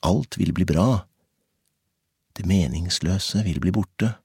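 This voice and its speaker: A man narrating a novel as an audiobook in a measured, intense storytelling manner. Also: low voice, a little mellow, slightly rough, no room sound, clean studio sound.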